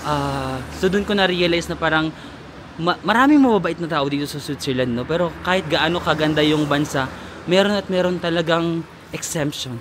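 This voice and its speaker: Filipino guy vlogging outside on his phone, gossipy playful chatter, kinda high voice, bit of street noise behind. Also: normal speed. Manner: chatty gossiping storyteller, playful, mixes in English. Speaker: travel vlogger. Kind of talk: casual vlog chat. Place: outdoors in a town in winter. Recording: faint street noise outdoors.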